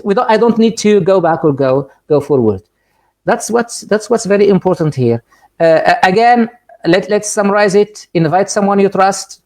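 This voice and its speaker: Mellow Moroccan man lecturing teachers. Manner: earnest, repeats words and restarts, pitch jumps up for emphasis. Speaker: guest speaker, ELT supervisor. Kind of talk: webinar lecture and Q&A.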